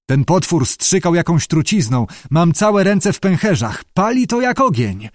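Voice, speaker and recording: A rough sailor with burned hands, pained and urgent, his voice pushed high, as a man voices him. Dry, close storybook sound. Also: sing-song, measured pace, no echo.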